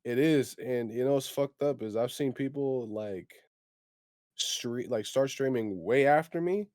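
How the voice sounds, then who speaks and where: A man's voice: mid-range voice, unhurried, darkish tone, no echo, studio quality. A man in his twenties co-hosting a podcast in casual chat, speaking in a candid, reflective way. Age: 20s. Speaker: podcast co-host.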